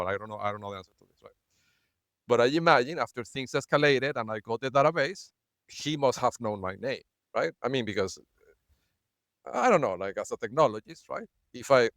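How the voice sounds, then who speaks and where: A man's voice: medium pitch, expressive, a bit bright, dry recording. A man talks through a personal video log in a mid-range voice, stopping and restarting his sentences and tagging most of them with "right?". The sound is dry and close, with no room around him. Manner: halting, many fillers and repeated "right?"; laughs between words. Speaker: vlogger.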